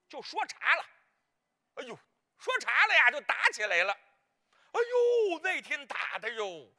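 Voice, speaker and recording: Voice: sits high, sharp tone, full character voice. A performer playing a fussy, scatterbrained older woman in a comic Peking opera monologue, who gossips to the audience and muddles names before correcting herself. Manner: gossipy storyteller addressing the audience. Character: comic older woman, hero's flustered elder sister.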